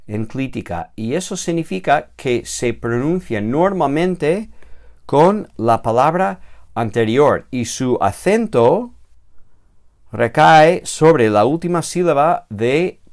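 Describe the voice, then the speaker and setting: A man's voice: fairly high pitch, animated, takes it slowly, a little mellow. A man teaching a recorded grammar lesson, patient and explanatory, repeating key words and checking with "¿vale?".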